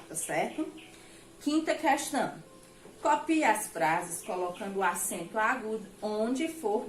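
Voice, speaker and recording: A Brazilian woman gives a children's grammar lesson with a voice of middle pitch, recorded in an echoey room. She keeps calling her pupils her dears and checks after almost every sentence that they have understood. A faint hiss sits under the voice. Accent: Brazilian Portuguese. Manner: affectionate, checks in with "tá certo?" often. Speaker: teacher. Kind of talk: remote class lesson for children.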